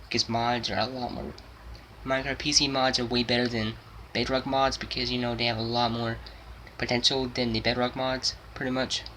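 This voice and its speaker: In a casual, unscripted monologue, a gaming channel host aged 17, almost 18, rambles and repeats himself with frequent restarts. His mid-range voice stays fairly flat in pitch, bright and forceful at a moderate pace, and the poor audio picks up slight background noise.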